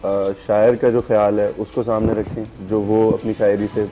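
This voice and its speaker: A man's voice: lowish voice, level tone, moderate pace, dark tone, faint music behind. A man with a Pakistani Urdu accent, a band musician guest, earnestly explaining singing on a talk show. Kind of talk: casual explaining in studio.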